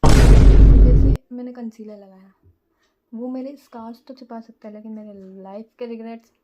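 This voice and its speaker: Rambling self-mocking young woman, dark voice. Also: fairly high pitch, little pitch movement, normal speed, lo-fi sound. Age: young adult. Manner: mixes English words into speech. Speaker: vlogger. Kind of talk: casual makeup vlog chat.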